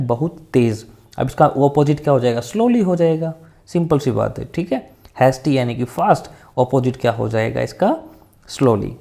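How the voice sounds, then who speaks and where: A man's voice: medium pitch, creaky, mellow. A man teaching English vocabulary in Hindi. He repeats each new word several times and often checks in with "theek hai". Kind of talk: Hindi vocabulary lesson with memory tricks.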